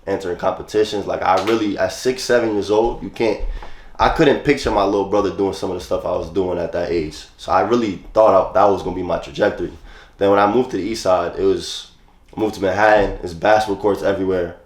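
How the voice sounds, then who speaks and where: Speaking fast in a low, reverberant voice, this twenty-something New Yorker reminisces about his past as a casual interview guest. His manner is laid-back, his phrasing loose and studded with "like."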